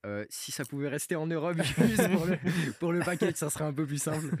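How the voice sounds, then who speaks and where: A young man from Switzerland hosting a casual podcast chat, joking and often trailing off into a quieter voice. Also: fairly high pitch, fairly quick, breathy edge, no room sound, studio quality. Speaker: podcast host.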